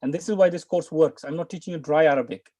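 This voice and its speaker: Over a video call from a home room, a middle-aged man gives an Arabic lesson in live online class talk. He sounds earnest and coaxing, frequently starting his words over. His slightly high, dark voice moves fast, and the recording is dry.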